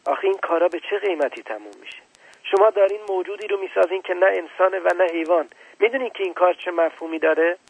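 An earnest small boy with a high, gravelly edge, as a male narrator puts him on. He pleads and protests with a child's strong sense of right and wrong. The husky grain of the storybook reader still shows through. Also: no echo, narrow, tinny audio. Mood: indignant. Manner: pleading, rising to angry outbursts. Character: little prince, small boy, earnest and indignant.

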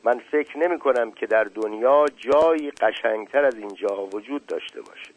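A man voicing a shy, lonely young female daisy flower in a storybook reading, speaking softly. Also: mid-range voice, natural voice, low-quality recording. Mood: shy, wistful. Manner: soft, timid then gently talkative.

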